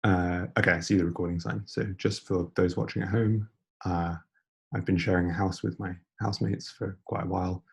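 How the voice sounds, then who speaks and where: Young man, low voice, heavy vocal fry, hushed near-whisper, breathy, informal debating lecture. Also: fairly even intonation, brisk. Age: young adult. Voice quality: breathy, as if losing his voice. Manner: hushed, near-whisper, trying to talk as quietly as possible.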